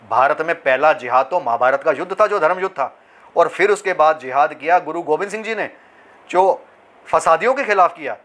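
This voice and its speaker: A man's voice: a little high, a bit bright. Indignant man firing rhetorical questions. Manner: rhetorical questions, rising to emphatic outbursts. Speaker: commentator. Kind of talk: opinion monologue.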